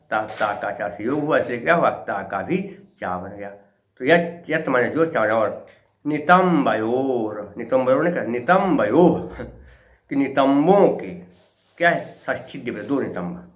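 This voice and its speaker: A man's voice: mid-range voice, a bit bright. A male Sanskrit teacher explaining a verse word by word, asking himself questions and answering them. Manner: chants verse slowly, then explains in quick bursts with rhetorical questions. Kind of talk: classroom lecture explaining verse line by line. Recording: echoey room with faint background noise.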